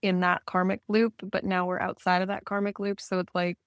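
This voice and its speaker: Rambling informally and reflecting on herself, a woman from Canada talks openly as a client in a casual therapeutic session, using "like" a lot. Her delivery is flat, smooth and fairly quick, her pitch fairly low, in clean studio sound with no echo.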